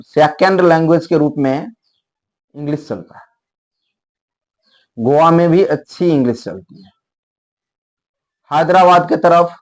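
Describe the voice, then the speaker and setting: A man teaching spoken English in a casual, rambling lecture, explaining with frequent restarts and asides. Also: on the high side. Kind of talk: spoken English lesson in Hindi.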